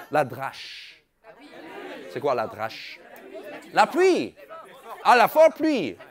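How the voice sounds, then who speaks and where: High-voiced man teasing a club crowd. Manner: playful, teasing, mock-outraged at the crowd. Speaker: stand-up comedian doing crowd work. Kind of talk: stand-up crowd work. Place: comedy club stage. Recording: live club audience audible.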